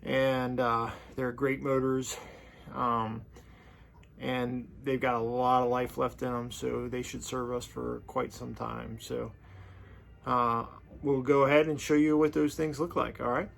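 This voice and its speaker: Hosting a relaxed walkthrough vlog of his boat, a man explains things at a slightly slow pace, sounding a bit hesitant. His mid-range voice is a bit bright and shows little pitch movement. Clear background noise comes through the noisy camera audio.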